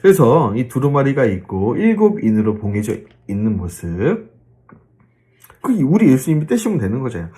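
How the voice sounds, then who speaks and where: Animated Korean pastor giving a Bible lecture. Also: male voice, mid-range voice. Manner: animated, drawn-out fillers, rhetorical questions to the listeners.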